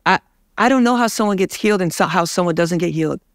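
A man's voice: high voice, fast talker, no room sound. A young man speaking as an evangelist in an interview, fervent and preacher-like, in a dry studio. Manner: fervent, preacher-like, gestures while talking. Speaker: evangelist guest. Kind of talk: interview about faith. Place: dark studio set, seated.

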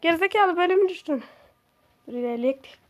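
Young woman streamer, high voice, excitable game commentary with swearing and shrieks. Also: fairly quick. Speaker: gaming streamer.

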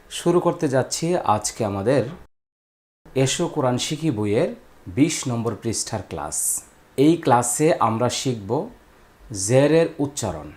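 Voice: medium pitch, darkish tone. A teacher giving a recorded beginner lesson on reading the Quran, drilling each sound with call-and-repeat. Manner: stretches and stresses each syllable.

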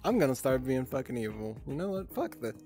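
A woman's voice: very deep voice, sing-song, a little fast, warm tone, faint music behind. A woman in her twenties chatting casually with her stream chat, laid-back and giggly, swearing freely. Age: 20s.

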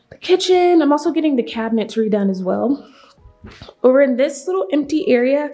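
A young woman in her twenties talks her viewers through an empty house, unhurried and upbeat, her voice sitting a little high. She sounds a bit winded as she walks from room to room, and soft music plays underneath. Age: 20s. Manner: chatty, upbeat, talking to viewers. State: out of breath. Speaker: vlogger. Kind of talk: casual home tour vlog.

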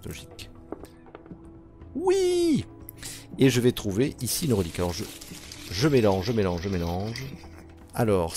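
A man's voice: mid-range voice, darkish tone. A man commenting on a solo board game playthrough, counting moves aloud and muttering asides.

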